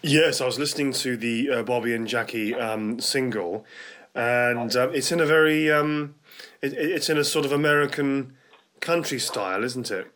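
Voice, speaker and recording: A man's voice: mid-range voice, moderate pace, a bit bright. A man with a British accent hosting a talk radio interview, speaking conversationally in a hesitant, rambling way with repeated words.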